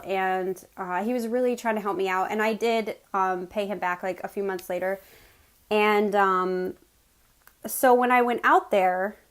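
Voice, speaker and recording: A woman from West Virginia with an American accent tells personal stories in a casual, chatty way to viewers, pausing to chew as she eats. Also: medium pitch, fairly bright tone. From West Virginia, United States. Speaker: mukbang host telling personal stories.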